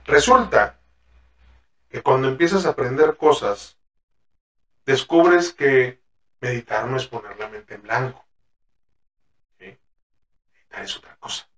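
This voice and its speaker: On his therapy podcast, this Mexican-accented host talks casually, curses without restraint, and plays out dialogues with patients. His mid-range voice is expressive and fairly bright, measured in pace with frequent pauses. The mic is distant and the room echoes.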